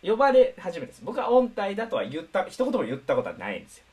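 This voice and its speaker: Lively soft-spoken man on a live stream. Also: high voice, quick pace, slightly rough. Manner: soft-spoken, laughs between lines, thanks viewers for comments. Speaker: host. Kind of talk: casual chat on a live stream.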